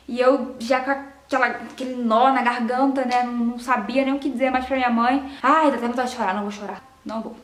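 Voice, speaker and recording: High-voiced young woman telling a personal story. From Rio de Janeiro, Brazil. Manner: animated, emotional, talks to viewers directly. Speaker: vlogger. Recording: echoey room.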